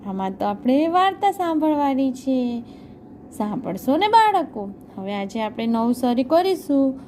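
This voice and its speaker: A woman's voice: high voice, sing-song, unhurried, mellow, a little hiss or hum. Sing-song woman teaching young children. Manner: sing-song, asks children questions and answers herself. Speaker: primary school teacher. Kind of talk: teaching a first-grade class, telling a story.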